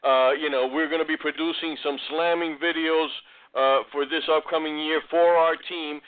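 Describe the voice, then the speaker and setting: A man with a New York accent hosting a call, halting and repeating words as he urges viewers to join. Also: a little high, steady tone, clean tone. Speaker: host. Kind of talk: phone call pitch. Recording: tinny phone line.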